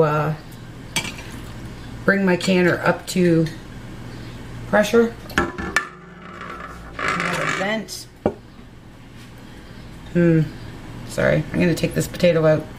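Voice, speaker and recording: In her home kitchen with an electric glass-top stove, a woman with a fairly low voice chats casually in a how-to vlog, walking viewers through each step and calling them "guys." Hissing steam and cooking noises from a pressure canner make the recording noisy.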